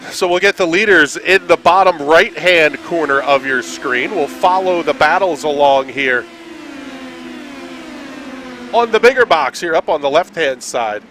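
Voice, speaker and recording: A man calling play-by-play for an online racing broadcast, brisk and steady, rising sharply when trouble hits the track. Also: on the high side, noisy background. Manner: brisk, builds to shouts at incidents. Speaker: play-by-play commentator. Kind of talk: sim racing play-by-play commentary.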